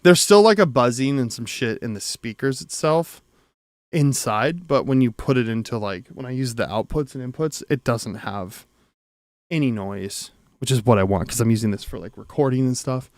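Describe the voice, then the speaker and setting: A streamer and audio tinkerer chats casually on a livestream while repairing gear, thinking aloud in a rambling, self-interrupting way with some casual swearing. His voice sits in the mid range at a normal speed. The recording is dry and studio quality.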